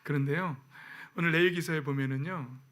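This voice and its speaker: Bright, high-voiced man preaching emphatically. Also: fairly quick. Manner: emphatic preaching that swings between loud exhortation and hushed near-whispers; talks directly to the congregation with rhetorical questions. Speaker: pastor. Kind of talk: sermon.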